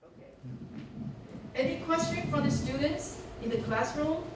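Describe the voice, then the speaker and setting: A woman's voice: high voice, a little slow. A woman who is a wildlife biologist, moderating the question session of a lecture in a classroom and sometimes hesitating over words. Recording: far-off mic in an echoey classroom with background noise.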